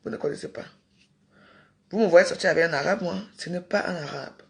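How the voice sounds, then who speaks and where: A Cameroonian woman with a lowish, brisk voice hosts a casual livestream, speaking emphatically to her viewers, repeating herself and scolding them.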